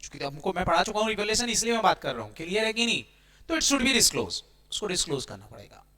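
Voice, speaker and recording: A man lectures an accounting class with a high, bright voice that cuts through. He keeps firing quick check-in questions at his students and mixes Hindi with English terms as he explains. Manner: energetic, keeps quizzing students with rhetorical checks. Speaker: accounting teacher.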